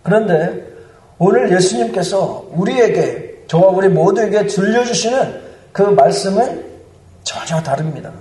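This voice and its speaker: A man delivers a sermon with earnest, building fervor. His voice sits somewhat high for a man. He is heard from a distance across a large, echoing church sanctuary. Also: a little mellow. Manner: earnest, building to fervent proclamation. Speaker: preacher. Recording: roomy church hall, mic at a distance.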